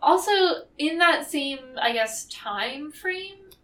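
A woman's voice: high voice, animated, takes it slowly, a bit bright, recorded from a distance. A young woman co-hosting a casual podcast chat, laughing often and filling her talk with "like". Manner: chatty, laughs often, heavy use of "like". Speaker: podcast co-host. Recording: echoey room, away from mic.

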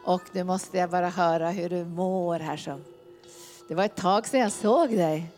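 A woman's voice: on the low side, darkish tone, faint music behind. A woman leading charismatic prayer ministry, speaking fervently, repeating phrases and slipping into speaking in tongues. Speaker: prayer leader.

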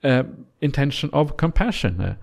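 With big pitch swings in a gravelly, medium-pitched voice, a middle-aged Norwegian monk leads a retreat at a moderate pace. Norwegian is his native language, and his dharma talk is gentle and teasing, sprinkled with uhs and yeahs.

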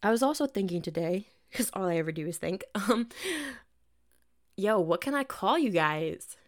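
A woman's voice: mid-range voice, animated, moderate pace. A young woman hosting a podcast, giving casual, candid self-help advice with plenty of swearing. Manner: candid, profane, self-help pep talk. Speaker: podcast host.

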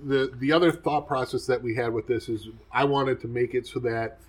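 A man's voice: mid-range voice, normal speed. A man co-hosting a podcast, chatting casually while eating. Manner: relaxed, chatty, laughs easily. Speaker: podcast co-host. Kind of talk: casual chat over food.

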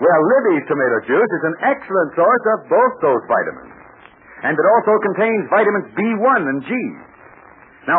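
A man in the earnest, hard-selling manner of a 1940s radio announcer, reading scripted narration and sponsor pitches on an old recording. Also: phone-quality sound, slight background noise.

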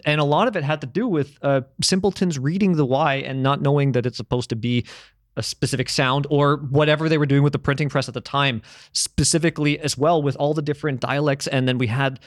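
Clean studio audio without echo captures a slightly high-voiced man chatting casually and excitedly about the history of language. He meanders, restarts a lot, and curses here and there. English is his native tongue, and he grew up also speaking French at home.

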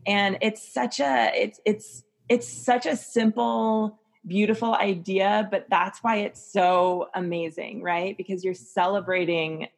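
A woman's voice: medium pitch, fairly even intonation, measured pace, vocal fry, few pauses. An American woman interviewing in a casual, conversational way, effusive and affirming, often repeating phrases for emphasis. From mainland United States.

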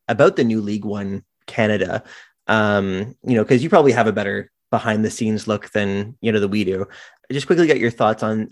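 A man's voice: lowish voice, no room sound. A man hosting an interview, asking questions in a conversational, filler-heavy way. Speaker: interview host.

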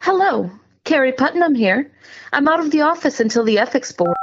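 Businesslike female out-of-office phone voicemail, as an actress plays it, high-pitched, with clear line noise behind. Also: expressive, brisk, lo-fi sound. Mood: brisk. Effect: phone voicemail greeting.

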